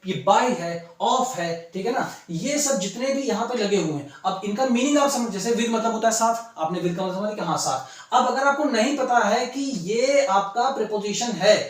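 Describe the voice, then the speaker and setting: A man's voice: sits high, normal speed, few pauses. A man teaching English to civil service aspirants in a classroom-style video lesson, mixing Hindi and English and constantly checking in with his students. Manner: repeats "ठीक है ना" as a constant check-in; mixes Hindi with English phrases. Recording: very echoey room.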